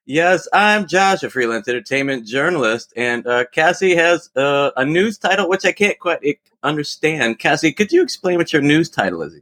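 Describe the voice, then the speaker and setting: Wry man host with lively pitch. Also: moderate pace, hardly any pauses. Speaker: podcast co-host. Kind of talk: casual movie review chat.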